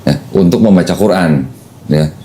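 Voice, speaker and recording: A man's voice: deep voice, moderate pace, warm tone, slight background noise. A man hosting a casual podcast chat, patiently explaining things step by step to a new convert. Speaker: host explaining Islam to a convert.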